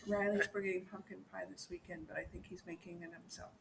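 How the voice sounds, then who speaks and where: A co-host in a casual livestream chat from home, easygoing and a bit unsure, laughing softly now and then. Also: medium pitch, flat delivery, fast, creaky, poor audio. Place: home in Mexico.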